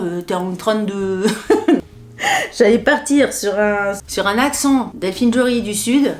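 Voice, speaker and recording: A woman's voice: medium pitch, darkish tone. A woman chatting casually through a clothing try-on haul, talking to herself and laughing often. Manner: playful sound effects and filler words. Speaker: fashion haul vlogger.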